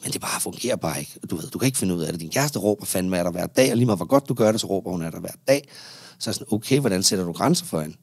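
Deep husky dude, therapist guest on a podcast, lots of restarts, dry close mic. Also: male voice, no echo. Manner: animated, explanatory, frequent restarts. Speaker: psychotherapist guest. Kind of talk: casual podcast conversation.

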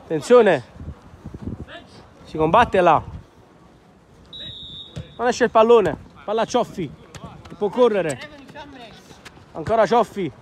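A man's voice: high voice, animated, takes it slowly, long pauses, slight background noise. A man giving live amateur football commentary outdoors, in short clipped phrases naming the players. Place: outdoor floodlit football pitch at night.

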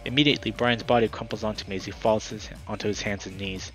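A man with a fairly low voice reads a visual novel aloud, giving the narration a dramatic push. He breaks off now and then for a casual aside to his viewers. Soft music plays faintly behind him. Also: steady tone, fast, low-quality recording. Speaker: gaming YouTuber.

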